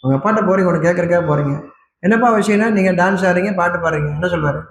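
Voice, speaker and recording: A man preaching a sermon, scolding his listeners with a steady stream of rhetorical questions. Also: sits high, very fast, echoey room, slight background noise.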